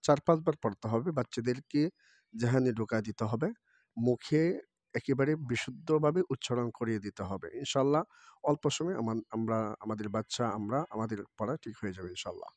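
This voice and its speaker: A man teaching the Arabic alphabet as a Quran teacher, giving quick explanations and then drawing each letter's sound out slowly and loudly, again and again. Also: mid-range voice, no echo.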